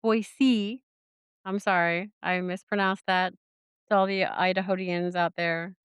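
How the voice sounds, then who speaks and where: A woman's voice: on the low side, flat delivery, moderate pace, a bit bright, clean tone, no room sound, studio quality. A woman co-hosting a casual podcast, rambling with many fillers and restarts and giggling asides. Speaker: podcast co-host. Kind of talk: casual chat.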